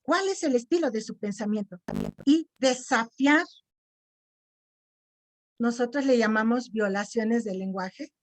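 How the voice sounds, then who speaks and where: A woman gives an online lecture in a fairly high voice. She explains step by step and keeps checking that her listeners follow. She sounds middle-aged and teacherly. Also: measured pace, pauses often. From Mexico. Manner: didactic, checks in with frequent "¿sí?". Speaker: lecturer on self-esteem.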